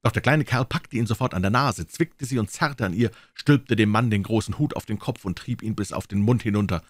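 A man reading a classic story aloud in a theatrical, lively storytelling manner. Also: lowish voice, fairly quick, no echo, clean studio sound. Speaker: audiobook reader. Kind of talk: scripted story narration.

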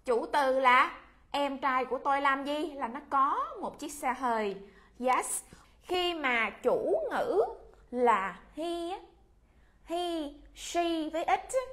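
High-voiced woman teaching slowly. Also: a bit bright. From Vietnam. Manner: slow, drawn-out model pronunciation. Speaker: English teacher. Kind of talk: children's English lesson.

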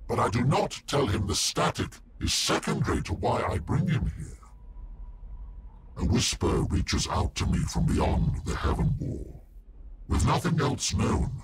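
An actor playing a solemn ancient psychic warrior entombed in a war machine, speaking in a grave, cryptic, seer-like way in a video game. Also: male voice, on the high side, background noise. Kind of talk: dramatic scripted game monologue.

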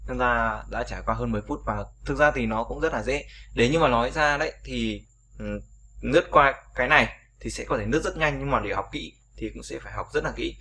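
Bright-voiced man teaching pronunciation. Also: medium pitch, brisk. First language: Vietnamese. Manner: demonstrates sounds by repeating them, chatty. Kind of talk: casual video lesson.

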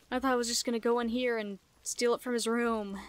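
A young woman giving casual, chatty, playful commentary as she plays a video game. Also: fairly high pitch. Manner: playful, chatty, giggly asides. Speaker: gamer, let's play host. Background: game music.

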